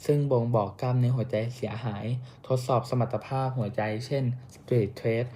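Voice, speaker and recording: A young Thai man reading a class report on a medical topic, careful and steady, with small slips and restarts. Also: mid-range voice, fairly quick, a little hiss or hum. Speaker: student presenter.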